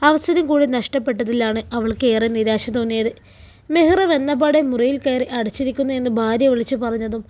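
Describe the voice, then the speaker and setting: A woman from Kerala reading a romance story aloud as narrator, in a calm, even storytelling manner. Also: high-pitched. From Kerala, India.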